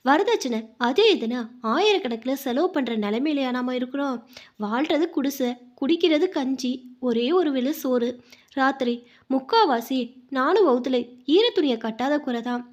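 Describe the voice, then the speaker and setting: A harsh old mother-in-law scolds bluntly about money and daughters, as a woman storyteller puts her on. The voice stays high. It is a spoken storybook. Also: lively intonation, unhurried, highs cut off. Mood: scolding.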